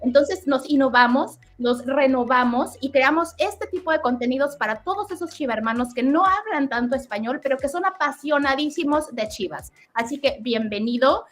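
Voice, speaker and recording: A woman's voice: high-pitched, animated, quick pace, few pauses. A woman co-hosting a casual bilingual sports talk show, upbeat and switching between English and Spanish. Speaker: co-host.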